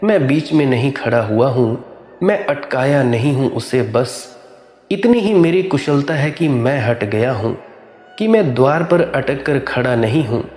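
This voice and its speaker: A man giving a slow, measured spiritual discourse, repeating refrains as he reflects. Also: mid-range voice, lively intonation, a little mellow. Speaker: spiritual teacher. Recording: echoey hall with faint music.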